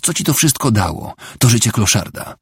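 A man reading the part of a grieving, desperate wife who pleads and shouts at her husband. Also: medium pitch, big pitch swings, moderate pace, breathy edge, dry recording, clean studio sound, pitched above the performer's own voice. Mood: pleading. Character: desperate grieving wife, middle-aged woman.

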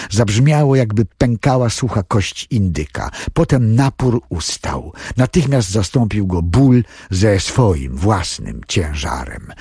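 A male audiobook narrator with a low, husky voice. His pitch moves in lively arcs as he tells the story, and the close recording is dry. The reading is scripted and expressive. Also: dry recording.

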